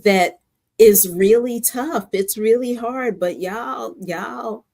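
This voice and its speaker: A woman's voice: fairly high pitch, slow pace, a little mellow. An older woman hosting a casual chat, effusive with praise.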